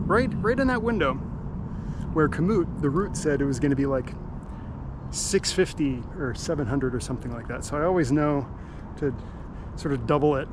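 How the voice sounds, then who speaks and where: A man chatting casually and rambling in a laid-back way while out on a run, vlogging as he goes. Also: a little high. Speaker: running vlogger. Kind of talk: casual rambling vlog chat. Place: outdoors on a run, near a car. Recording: outdoor recording with car and ambient noise.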